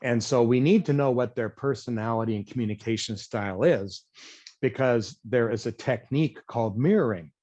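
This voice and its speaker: Energetic man teaching sales on a webinar. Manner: energetic, self-described high-wire talker; deliberately slowed, explanatory pace. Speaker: marketing trainer. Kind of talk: webinar presentation. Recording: dull lo-fi webinar audio.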